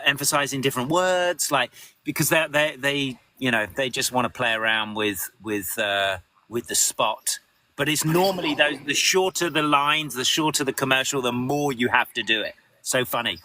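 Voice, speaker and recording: A man, a voice actor, answering questions in a live interview, animated and full of restarts. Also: mid-range voice. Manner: animated, lots of restarts, acts out quotes.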